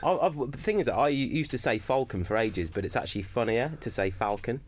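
A man's voice: medium pitch, lively intonation, fast. A man, a stand-up comedian, chatting casually on a podcast, swearing and laughing often. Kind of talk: casual banter.

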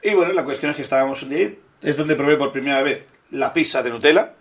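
A man's voice: mid-range voice, quick pace. A man co-hosting a podcast, chatting casually, telling stories, joking and swearing freely. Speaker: podcast co-host. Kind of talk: casual chat.

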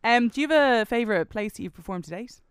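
A woman's voice: a little high, lively intonation, quick pace, smooth, no echo, clean studio sound. A woman with an Irish accent interviewing someone in a chatty, encouraging, casual way.

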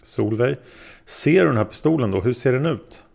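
A man reading the questions of a patient female interrogator, gently probing a witness. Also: mid-range voice, lively intonation, gravelly, breathy edge. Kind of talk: read-aloud interrogation transcript.

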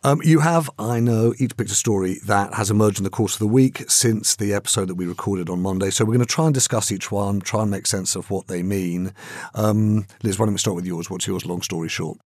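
A man hosting a news podcast with a lowish voice, moving the talk along in a brisk, chatty way. The sound is dry and close, with no room around it. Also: darkish tone, no echo. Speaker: podcast host.

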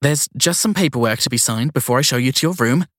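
A flustered young woman at a guesthouse desk, voiced by a male narrator, stammering and eager to please. Her voice sits high above his own, husky and dry, with quick nervous bursts. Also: expressive, fairly bright tone, no echo. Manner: hesitant, stammering and apologetic. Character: flustered young woman receptionist, anxious and apologetic.

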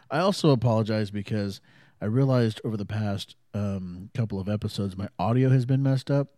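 A low, warm-toned man talks loosely into his mic from a small home studio, his voice slightly thick and congested. He rambles through his solo podcast with plenty of ums and the occasional curse, and the sound is dry and close. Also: moderate pace, no echo. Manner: rambling, loose and profane, many fillers. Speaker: podcast host. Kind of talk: casual solo podcast monologue.

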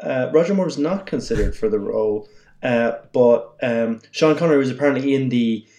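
A man's voice: medium pitch, dark tone. Man quizzing friends in a roomy space. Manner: measured, quiz-like, laughs easily. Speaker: podcast co-host, quiz master. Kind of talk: casual comedic chat.

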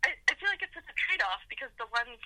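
A woman caller in a casual chat, hesitant and filling pauses with ums. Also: high voice, very animated, sharp tone, no echo, rough recording.

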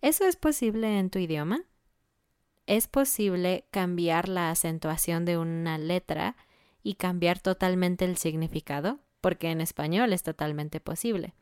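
A woman with a Mexican accent teaching Spanish through riddles, reading them slowly and with emphasis. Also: fairly low pitch, a little mellow, smooth, no room sound, studio quality. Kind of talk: podcast lesson with riddles.

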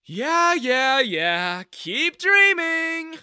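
Man doing a scornful bank manager, arrogant, loud mocking, drawn-out words, raised pitch, bright edge. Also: sing-song, no echo, studio quality, exaggerated voice.

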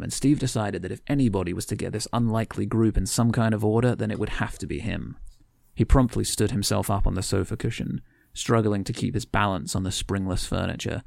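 A man's voice: fairly low pitch, vocal fry, a little mellow, no echo, clean studio sound. A man co-hosting a comedy podcast, chatting loosely and then reading a long extract from his own writing, rambling and correcting himself as he goes. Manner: rambling, self-correcting storyteller. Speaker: podcast co-host.

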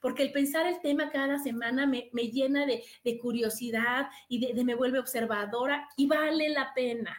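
A Mexican woman talks through her podcast in a loose, chatty way, with a high voice that swoops up and down as she acts out imagined inner voices. She often restarts her sentences. Her voice sits in an echoey room. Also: normal speed, few pauses. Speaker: podcast host. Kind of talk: casual live podcast chat.

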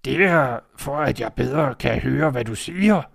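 A man voicing a cunning wolf posing as a grandmother, speaking slowly and with menace in a storybook reading. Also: medium pitch, expressive, vocal fry, no echo, studio quality. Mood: sly menacing. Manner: slow, drawn-out, menacing.

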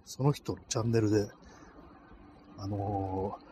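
Rambling low-voiced man on a night street. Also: steady tone, unhurried, dark tone, slight background noise. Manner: rambling, hesitant, many fillers. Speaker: podcast host. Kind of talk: casual solo talk while walking. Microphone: phone held in cold hands. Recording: faint street ambience outdoors.

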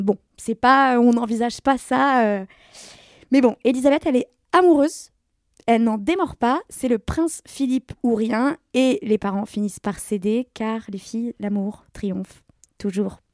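A woman telling a story as a columnist in a casual podcast chat, lively and laughing as she goes. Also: on the high side, dry recording, studio quality.

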